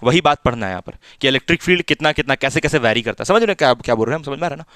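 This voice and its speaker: Male physics tutor, mid-range voice, repeats and gently scolds, close dry sound. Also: medium pitch, lively intonation, very fast, no room sound. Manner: repetitive, coaxing, mildly scolding. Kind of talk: classroom teaching.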